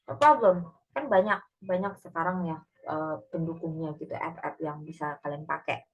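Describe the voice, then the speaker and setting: A woman lecturer with an Indonesian accent, talking students through an assignment in a relaxed, chatty recorded lecture and switching between two languages. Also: low-pitched, normal speed, breathy edge, poor audio. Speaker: English lecturer.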